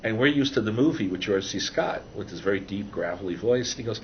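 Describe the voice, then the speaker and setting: Low-voiced older man, rambling interview talk. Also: lively intonation, fast. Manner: rambling, many restarts and fillers. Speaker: interviewee, author of a book on computer animation. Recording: dull, slightly noisy recording.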